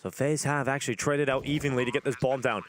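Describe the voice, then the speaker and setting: A man's voice: mid-range voice, steady tone, quick pace, a little hiss or hum. A man commentating on an esports match as a caster, in flowing, narrative sentences.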